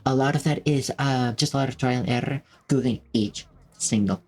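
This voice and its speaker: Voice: mid-range voice, moderate pace, a little mellow. A streamer in casual live-stream chat, talking to viewers in a rambling, friendly way with lots of fillers and restarts, at a desk mic in a home setup. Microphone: desk microphone with noise filters.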